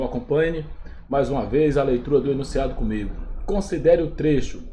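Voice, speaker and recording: A Brazilian man teaches an exam review, walking through each question step by step and pausing to check that his listeners follow. His voice sits a little high but sounds mellow and soft-edged. A faint hiss of noise runs under the recording. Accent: Brazilian Portuguese. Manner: explains step by step, checks in with "beleza?" after each point. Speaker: Portuguese teacher.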